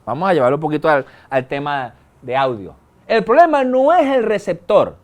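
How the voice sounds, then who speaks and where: A middle-aged male pastor, preaching a sermon in a conversational way, with colloquial asides and sudden quick bursts. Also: a little high, big pitch swings. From Venezuela.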